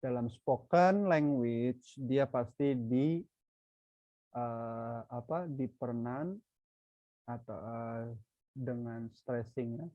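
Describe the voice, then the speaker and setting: Slow, dull-sounding male grammar teacher. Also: mid-range voice, no echo. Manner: slow and deliberate, checks in with frequent "ya" and "oke"; poses questions to the viewer, then answers them. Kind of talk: explanatory grammar lecture.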